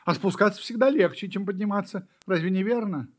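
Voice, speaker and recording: A man's voice: high voice, a little fast, voice pushed up. A man voicing a playful young male puppy in a storybook reading, bouncy and sure of himself. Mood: arguing. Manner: bouncy and know-it-all.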